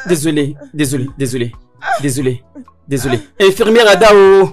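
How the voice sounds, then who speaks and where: A man's voice: medium pitch, animated, lightly acted. A doting, fussy husband, voiced by a man in a dubbed film, speaking in a mid-range voice. He keeps apologizing and coaxing. Faint music plays behind him. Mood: anxious fussing. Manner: fussing, repeating apologies and "slowly". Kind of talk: French film dub.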